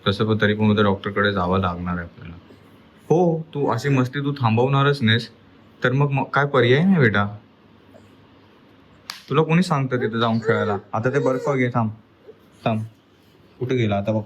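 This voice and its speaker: Dad vlogging at home, coaxing his kid softly, mid pitch voice, bit of faint hiss. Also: normal speed, pauses often, muffled recording. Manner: coaxing and soothing toward a child. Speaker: father and family vlogger. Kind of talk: casual home vlog narration. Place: home indoors.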